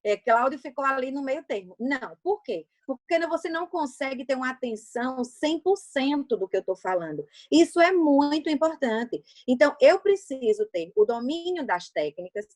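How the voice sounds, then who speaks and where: A woman's voice: high-pitched, expressive, moderate pace, few pauses, a little mellow, no echo. Didactic woman coaching on public speaking. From Brazil. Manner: didactic, asks and answers her own questions. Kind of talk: explanatory talk on a livecast.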